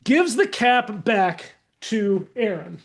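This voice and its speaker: A middle-aged man with a high voice tells stories in a casual, animated way as a podcast guest. He keeps slipping into little voices for the people in his anecdotes. It is relaxed, unscripted talk. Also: takes it slowly, creaky. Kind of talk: casual storytelling.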